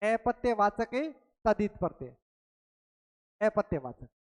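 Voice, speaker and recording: A woman teaching a grammar quiz lesson, asking questions and answering them herself, repeating key words slowly. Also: mid-range voice, big pitch swings. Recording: long reverb, roomy sound.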